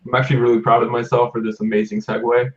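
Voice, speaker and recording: A man's voice: mid-range voice, monotone, rapid-fire, far from the mic, highs cut off. A man interviewing a guest, asking rambling, hedging questions.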